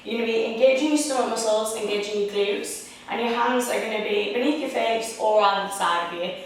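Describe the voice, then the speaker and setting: A woman's voice: a little high, fairly quick, recorded from a distance, slight background noise. Woman cueing Pilates in an echoey room. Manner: steady step-by-step cueing, encouraging. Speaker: Pilates instructor. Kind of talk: guided exercise instruction. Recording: echoey room, voice picked up from afar.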